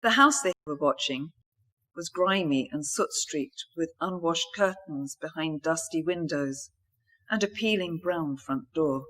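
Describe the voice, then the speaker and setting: A woman author reading a mystery novel aloud in a steady, even storytelling manner. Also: deep voice, a little slow.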